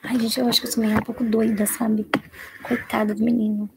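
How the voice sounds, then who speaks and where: A young Brazilian woman with a husky voice, hosting a casual live Q&A, chatting and reading viewer questions aloud, sometimes dropping to a hush. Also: a little high, flat delivery, a little fast, noisy background. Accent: Brazilian Portuguese. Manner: chatty, reads viewer comments aloud, drops to a hushed voice for private topics. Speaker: live-stream host answering viewer questions.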